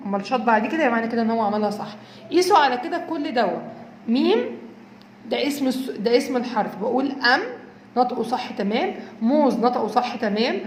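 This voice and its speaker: A woman with an Egyptian accent, a speech therapist giving a lesson, who explains step by step, models sounds slowly and checks that listeners follow. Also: on the high side. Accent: Egyptian Arabic. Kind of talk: instructional explanation. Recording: echoey room with faint noise.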